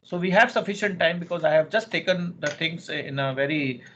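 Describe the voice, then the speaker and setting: A man lectures in an Indian accent through slightly muffled, noisy audio. His voice sits a little high, and he repeats his phrases, often stopping to put questions to the class. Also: brisk, a bit bright. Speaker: law lecturer. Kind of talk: interactive online lecture.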